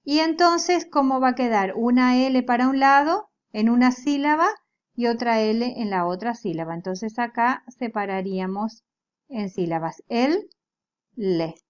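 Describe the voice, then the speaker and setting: A woman teaching Biblical Hebrew in a recorded lecture, explaining step by step in a slow, patient way. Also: a little high, smooth. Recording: dull lo-fi recording.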